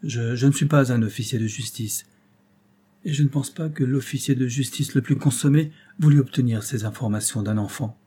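A man's voice: mid-range voice, normal speed, warm tone, slight background noise, natural voice. A man reading aloud and voicing an earnest young male lawyer, solemn and compassionate.

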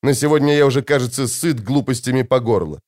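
A man's voice: mid-range voice, fast talker, a little mellow, lightly acted. A man reading the part of a stern, weary young noble heir who talks in an impatient grumble. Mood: irritated.

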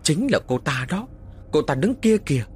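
A man's voice: a little high, sing-song, moderate pace, breathy edge, pitched above the performer's own voice, heavily acted. A man voicing a terrified, guilt-ridden elder brother, pleading in a panicked voice.

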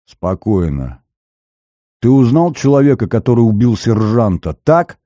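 A stern investigator questions and rebukes in clipped, commanding lines, his tone low and mellow under the firmness, as a male narrator puts him on. The sound is dry and close. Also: big pitch swings, a little slow, no room sound.

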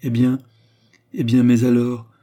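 A man's voice: medium pitch, monotone, unhurried, warm tone, natural voice. A man reading as a sneering villainous baronet. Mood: scheming. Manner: disdainful, calculating. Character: scheming cold male baronet villain.

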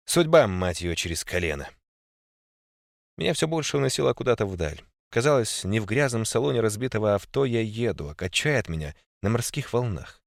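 A man's voice: mid-range voice, a little fast, creaky, few pauses, no echo, clean studio sound. A man narrating a first-person story expressively and voicing every character himself. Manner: expressive, voices all characters. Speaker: audiobook narrator.

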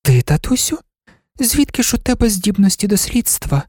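A woman voicing a proud, self-assured young daughter who talks things through coolly and calmly. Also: mid-range voice, normal speed, breathy edge, dry recording, studio quality, pitched above the performer's own voice. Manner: cool, composed, reasoning calmly.

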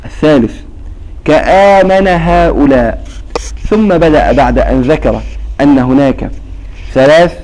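Heard on a low-quality recording, a man with a mid-range, slightly mellow voice leads a religious recitation class. He patiently explains the material and asks his students the same questions again and again.

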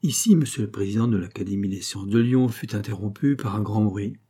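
Low, husky male storyteller. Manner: measured, even storytelling. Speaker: audiobook reader. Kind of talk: scripted narration.

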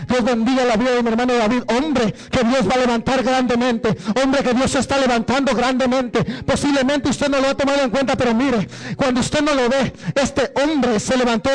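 A man from Guatemala, preaching an evangelical sermon as a guest preacher and rising into fervent preaching. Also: rough recording. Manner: rises to fervent, high-pitched preaching.

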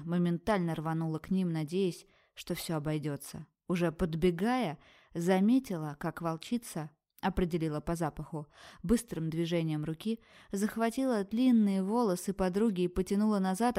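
A woman narrating a first-person novel aloud in brisk, vivid audiobook style. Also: on the low side, dark tone.

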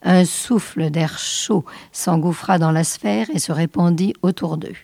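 A woman reading a science fiction novel aloud in a measured, expressive way. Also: on the low side, creaky, no room sound. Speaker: reader.

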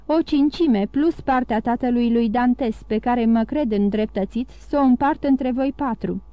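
A woman voicing a calm, sly male priest who talks in an even, coaxing way in an audiobook. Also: on the high side, no echo, lo-fi sound, natural voice.

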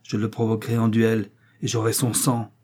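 Man doing a brooding jealous lord, tense, hushed then raging, storybook reading. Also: on the low side, monotone, normal speed, breathy edge. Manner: tense, alternately hushed and enraged. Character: brooding jealous nobleman, furious and scheming.

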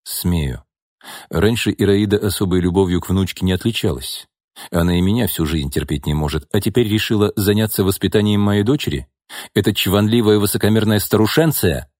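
Man doing a gruff angry father, deep low voice, firm and cold, dry close sound. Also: a little fast, darkish tone, dry recording, lightly acted. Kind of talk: audiobook character voice.

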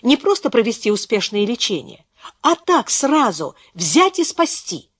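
A woman's voice: on the high side, very animated, unhurried, breathy edge, dry recording, clean studio sound, pitched above the performer's own voice, heavily acted. Pico, a woman reading a wry self-mocking young man. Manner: wry, reflective. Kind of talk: audiobook character reading.

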